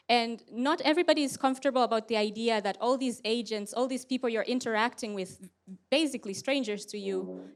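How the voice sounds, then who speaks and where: A woman giving a prepared conference lightning talk as a research presenter, explaining in a clear, structured way with rhetorical questions. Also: fairly high pitch.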